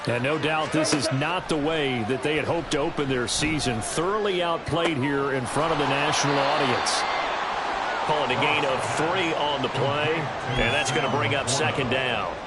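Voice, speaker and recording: A man's voice: fairly high pitch, normal speed, heavy background noise. A man with an American accent calling a football game as the play-by-play announcer. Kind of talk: sports commentary.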